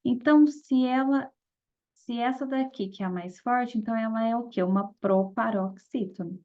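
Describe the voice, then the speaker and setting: Woman teacher with a gravelly voice. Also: on the high side, moderate pace, a little mellow. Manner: explanatory, checks in with listeners often. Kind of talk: exam-prep lesson. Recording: dull lo-fi audio.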